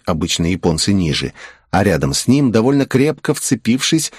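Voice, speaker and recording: A man's voice: on the low side, darkish tone, dry recording, studio quality. A man narrating a first-person novel in a wry, musing manner. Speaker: audiobook narrator.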